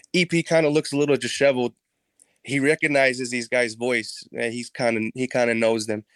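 A man, a podcast guest, retelling a story in a casual, animated way and laughing often. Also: mid-range voice, moderate pace, no echo.

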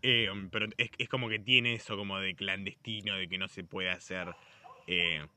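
A man's voice: low voice, fairly even intonation, normal speed, sharp tone, clean tone. A young Argentine man talking in a casual chat, rambling and slangy, swearing freely and restarting his sentences often. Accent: Argentine Spanish.

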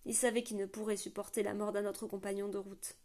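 A woman narrating a fantasy audiobook. Her reading is measured and soft, at an ordinary pitch. She tells the story calmly between the characters' lines.

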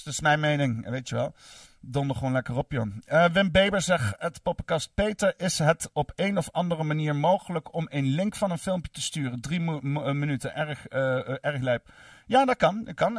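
A man's voice: fairly high pitch, no echo, clean studio sound, recorded from a distance. A man hosting a livestream, reading and answering chat in a rambling, cursing way full of fillers. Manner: rambling, profane, many fillers.

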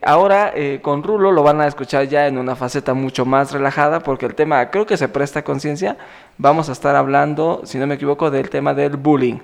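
A man in his thirties, from Mexico City and with its accent, hosts a relaxed podcast among friends. His voice sits a little high and he jokes, teases and laughs often. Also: a little fast, vocal fry. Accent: Mexico City Spanish. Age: 30s. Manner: joking, teasing, laughs often. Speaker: podcast host. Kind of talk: casual podcast chat.

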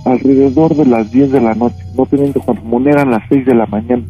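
A man with a Mexican accent, a radio caller telling a personal story in a lively way and acting out the dialogue. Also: mid-range voice, brisk, lo-fi sound, faint music behind. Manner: animated, acts out quoted dialogue. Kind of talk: casual phone-in storytelling.

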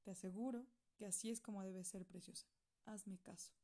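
A woman's voice: fairly high pitch, moderate pace, a little mellow, close to an everyday voice. A woman voicing a strict, authoritarian middle-aged doctor uncle in a storybook reading, formal and scolding. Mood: stern.

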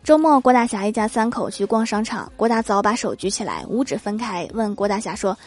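A young woman host reading funny anecdotes as comic narration, with lively storytelling that acts out the quoted lines. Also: medium pitch, brisk. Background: background music.

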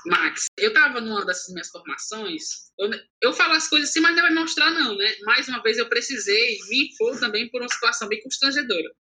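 A man, telling stories in a talkative, animated way during a casual podcast chat. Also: very high-pitched, fairly quick, low-quality recording.

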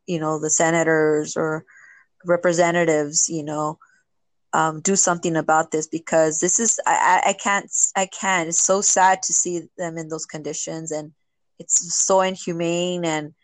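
Earnest, halting woman with a lowish voice. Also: level tone, no echo. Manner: earnest, halting, many restarts. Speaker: interviewee, social worker. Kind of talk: emotional interview talk.

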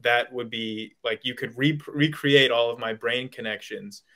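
A man's voice: mid-range voice, steady tone, unhurried, sharp tone. A male guest in a casual call-in debate, explaining his views with lots of hedging and restarts.

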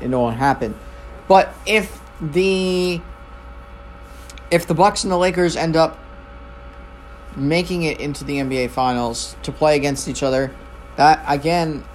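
A young man casually recapping basketball games as a host, rambling with lots of fillers and self-corrections. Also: a little high. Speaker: sports show host.

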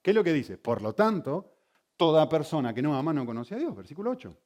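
A man preaching with a fairly high, very lively voice that swings up and down. He asks the congregation question after question as he teaches. His delivery stays animated throughout. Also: fast talker. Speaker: pastor. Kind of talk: sermon.

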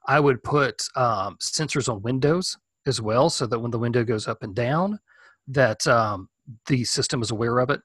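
A man's voice: mid-range voice, moderate pace, fairly bright tone, breathy edge, dry recording. A man, a guest expert, giving practical home security advice in a casual interview. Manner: practical, explanatory, thinking aloud.

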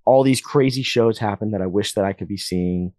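Rambling through stories and saying "like" constantly, a young guest musician from Las Vegas chats in a casual interview. His voice is on the low side and mellow, a little fast, recorded dry.

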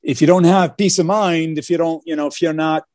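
A man's voice: on the high side, fairly even intonation, brisk, darkish tone, no echo, clean studio sound. A man from Portugal talking about his life as a guest on a video call, earnest, with many fillers and repeated starts. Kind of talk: casual interview talk.

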